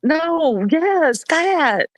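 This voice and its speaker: A woman telling family stories in a casual live chat, animated and laughing often. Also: high voice, extremely slow, no room sound. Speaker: live stream co-host.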